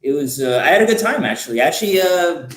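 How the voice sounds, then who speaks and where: A man chats as a podcast guest, sharing a travel story earnestly. His voice sits a bit high. The recording has a roomy echo. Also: big pitch swings, fast. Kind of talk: casual podcast chat. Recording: echoey room.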